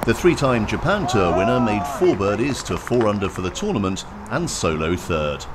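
A man with a fairly low voice delivers scripted sports highlights narration. He acts as the narrator of a golf tournament recap. Outdoor course noise is clearly heard behind his voice. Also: sing-song, normal speed.

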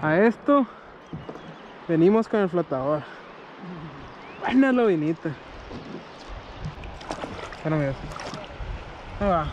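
Young Mexican vlogger, high and animated, chatty outdoor take with steady background noise. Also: male voice, takes it slowly, pauses often, highs cut off. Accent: Mexican Spanish. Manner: excited, laughing and shouting at catches. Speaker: fishing vlogger. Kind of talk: casual vlog commentary. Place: kayak on a river outdoors. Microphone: head-mounted action camera.

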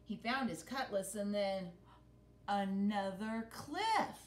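The recording, made by a camera a little way off, is roomy and carries a rumbling noise. It captures a middle-aged woman indoors, beside a living-room brick fireplace, reading a picture book aloud to children with expressive drama, gasps and well-timed pauses.

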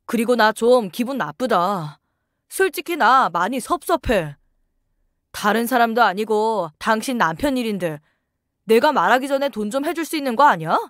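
A woman voicing an angry, pushy husband who demands money and shouts. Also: on the high side, no echo, studio quality.

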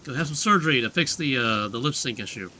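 Bright, playful man commenting on a game. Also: medium pitch, lively intonation, fast talker, slight background noise. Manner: playful, sarcastic. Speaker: let's play host. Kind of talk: joking gameplay commentary.

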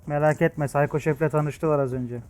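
A man with a smooth, resonant voice pitched a little high talks through tactics while playing a mobile shooter. He gives orders and plans in a calm, steady way. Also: moderate pace. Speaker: mobile game player. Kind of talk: live gameplay chat.

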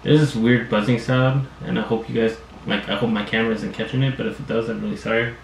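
Low gravelly young man vlogging at home. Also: fairly even intonation, fast talker. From Afghanistan. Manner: casual, self-deprecating, rambling with fillers. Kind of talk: casual vlog chat. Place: home room with TV on. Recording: roomy home recording with faint noise.

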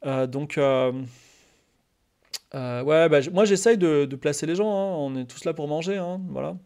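A man talking casually to his live-stream chat, rambling with many fillers and restarts and turning animated when excited. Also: on the high side, moderate pace, clean tone.

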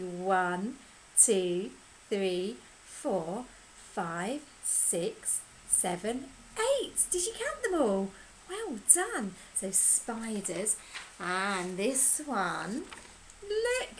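A young woman leading a children's music class at home, talking in a sing-song, animated way and gasping with delight. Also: medium pitch, a little hiss or hum, poor audio. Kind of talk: children's lesson video. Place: at home, indoors.

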